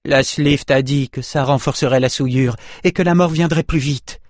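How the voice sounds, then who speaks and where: A fierce sorceress scolds her former pupil in a raised, higher voice, voiced by a man reading an audiobook. She sounds exasperated and indignant. The recording is dry and close. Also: moderate pace, dry recording, lightly acted. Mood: demanding.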